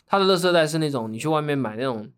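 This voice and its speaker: A man with a Taiwanese accent and a somewhat high-pitched voice. He talks like a podcast co-host swapping stories with a friend, casual and animated in his telling. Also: very fast, clean tone. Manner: chuckles while telling stories.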